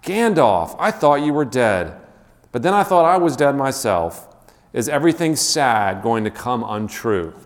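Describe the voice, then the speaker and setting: A man reading aloud the lines of an overjoyed young male hobbit, excited and tumbling over his words. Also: medium pitch, measured pace, long reverb tail. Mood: amazed.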